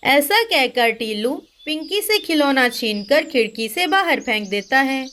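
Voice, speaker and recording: A woman's voice: high-pitched, animated, unhurried, a bit bright, slight background noise. A woman narrating a children's cartoon story.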